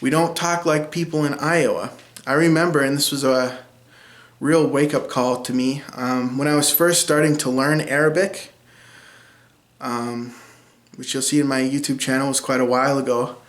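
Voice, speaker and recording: A man's voice: medium pitch, steady tone, moderate pace. A young man in his twenties with a Minnesotan accent, casually teaching about linguistics, chatty with frequent ums. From central Minnesota. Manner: chatty, frequent ums, laughs at own remarks. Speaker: linguistics video host. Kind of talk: casual educational talk. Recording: echoey room.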